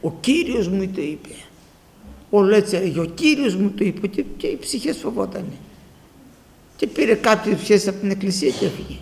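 Male preacher, high raspy fry, storytelling sermon delivery. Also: expressive. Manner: storytelling with quoted exchanges, swinging from hushed to loud.

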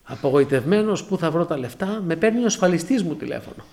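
Animated high-voiced man preaching. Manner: animated storytelling with acted-out dialogue and exclamations. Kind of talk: sermon testimony.

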